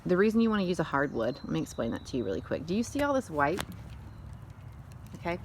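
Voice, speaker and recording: A woman's voice: lowish voice, a little hiss or hum. A woman vlogging outdoors on a sunny day by a wood fire, giving a casual how-to demonstration in a chatty, rambling way full of tangents. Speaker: vlogger showing how to make lye.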